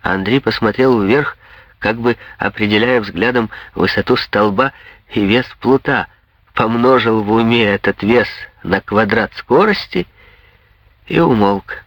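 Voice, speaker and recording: A man's voice: measured pace, no echo. Dry-voiced man reading a novel aloud. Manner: lively, shifts pitch sharply for shouting students and a growling man. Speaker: audiobook narrator. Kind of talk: scripted narration with acted voices.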